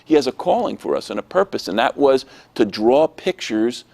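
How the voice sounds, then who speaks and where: A man telling a personal testimony in an interview, animated and acting out the voices of people he quotes. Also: medium pitch, normal speed, creaky.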